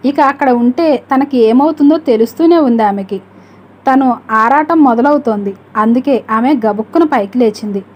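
A woman narrating an audiobook story in a steady, measured reading voice. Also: a little high, highs cut off.

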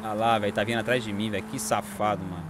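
A young Brazilian man with a Brazilian Portuguese accent, chatting excitedly and slangily while playing a racing game. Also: on the low side, fast. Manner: excitable, chatty, slangy, calls himself to calm down. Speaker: gaming YouTuber. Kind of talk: excited gameplay commentary. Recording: game audio noise behind.

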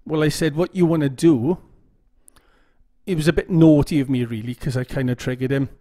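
A man's voice: medium pitch, fast, mellow. A man giving casual instructional talk to camera, often repeating phrases and checking in with "okay?". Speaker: YouTube OCD educator.

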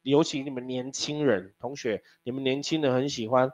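A man's voice: mid-range voice, steady tone, normal speed. A man teaching an English class, teasing his students and spelling words out letter by letter. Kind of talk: classroom lesson. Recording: dull lo-fi classroom recording.

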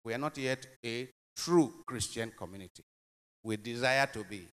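With a smooth, fairly bright tone at medium pitch, this male priest delivers the Gospel and his homily questions deliberately and gravely. Each phrase swells then fades into a lingering, cathedral-style reverberation.

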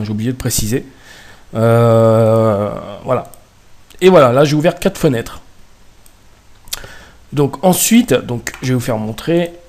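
A man's voice: medium pitch, darkish tone. French guy doing a screen tutorial, lots of euh and restarts, medium voice. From France. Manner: hesitant, many fillers and self-corrections. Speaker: tutorial host. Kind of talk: casual screen-recorded software tutorial.

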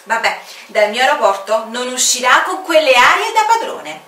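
A woman's voice: high-pitched, big pitch swings, normal speed, bright, forceful tone, reverberant, far from the mic, voice pushed up, exaggerated voice. A woman voicing a stubborn, officious male airport commander who speaks in an indignant, bossy way. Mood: stern.

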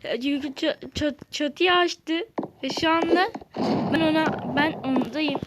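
A woman hosting a gaming channel, giving excited let's-play commentary, talking straight to viewers and shouting at rival players. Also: high-pitched, measured pace. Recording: noisy home recording.

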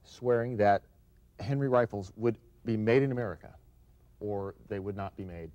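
A man's voice: fairly low pitch, normal speed, a little mellow, dry recording, muffled recording. A middle-aged man hosting a television interview, presenting in a conversational way from a studio. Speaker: TV show host. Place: TV studio set, indoors.

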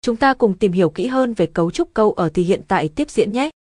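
Woman teacher, mellow tone, dry close sound, measured scripted delivery. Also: mid-range voice, no echo. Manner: even, measured explaining. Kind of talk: scripted grammar lesson narration.

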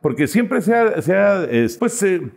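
A man's voice: sits high, big pitch swings, unhurried, gravelly, darkish tone, breathy edge. A man hosting an interview, reacting with short exclamations. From Mexico. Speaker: host, interviewer.

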